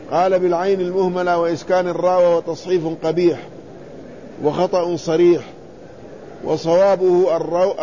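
Male scholar, high voice, measured text-reading lesson, dull lo-fi recording. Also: warm tone, slight background noise. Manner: measured, deliberate, spells out letters and vowels. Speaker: Islamic scholar teaching hadith commentary. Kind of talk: reading and explaining a classical text.

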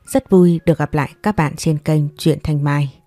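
A woman hosting a story channel, reading a romance novel in a calm, even narrating voice. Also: low voice, moderate pace. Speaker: audiobook narrator and channel host.

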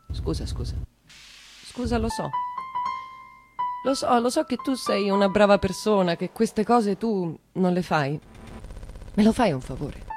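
An actress pitched on the high side delivers a monologue as a desperate, trapped woman, her Roman accent clear. The delivery is broken up and repetitive, rising from quiet to shouting, and the mood is one of broken pleading.

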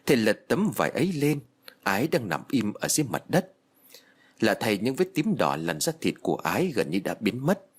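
Male audiobook narrator for a ghost story, husky and dramatic. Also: mid-range voice, sing-song, moderate pace.

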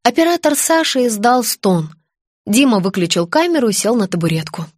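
A woman narrating an audiobook in first person, with lively, ironic storytelling. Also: medium pitch, normal speed, husky, no room sound, studio quality. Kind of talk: audiobook reading of a comic detective novel.

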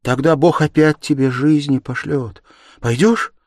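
A man's voice: sits high, slow, darkish tone, no room sound, clean studio sound, voice pushed up. A male audiobook reader voicing an anguished, devout young woman who pleads fervently and cries out in distress. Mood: fervent urging. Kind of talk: audiobook character voice.

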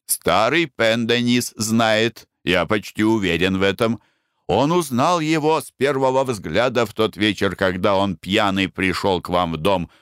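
A man voicing a blunt, mocking middle-aged army captain who speaks slowly and scornfully. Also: fairly low pitch, fairly bright tone, smooth, dry recording, studio quality. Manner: slow, scornful and threatening.

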